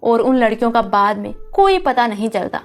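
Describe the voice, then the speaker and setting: High-voiced woman narrating a drama. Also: lively intonation, normal speed, faint music behind. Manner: emotive storytelling.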